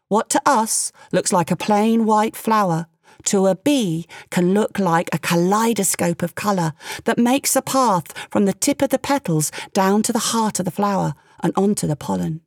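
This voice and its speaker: Expressive woman telling a story. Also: medium pitch, no room sound, clean studio sound. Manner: expressive, with playful asides. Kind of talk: storytelling narration.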